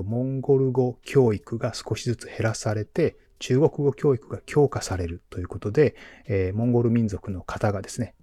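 A man hosting a Japanese-language podcast, interviewing a former student and calmly explaining background for learners. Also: lowish voice, breathy edge, no echo. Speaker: podcast host and Japanese teacher.

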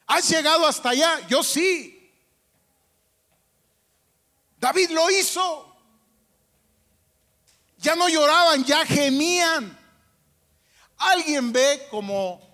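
A man's voice: extremely high pitch, bright, forceful tone. A man preaching a sermon as pastor, asking the congregation questions with strong emphasis. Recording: long hall reverb.

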